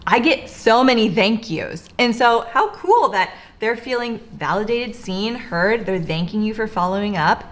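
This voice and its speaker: A young woman co-hosting a coaching talk, upbeat and agreeable, chiming in with quick affirmations. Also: mid-range voice, animated. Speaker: co-host, business coach. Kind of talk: casual teaching chat.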